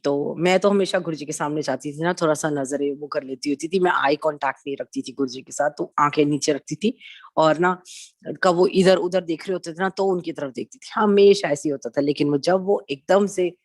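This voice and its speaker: Low-voiced woman telling a devotional story. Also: fairly quick, darkish tone, no echo, clean studio sound. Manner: conversational storytelling, mixing in English words; acts out quoted dialogue in her telling. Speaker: devotee sharing experiences at a satsang. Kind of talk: personal spiritual testimony.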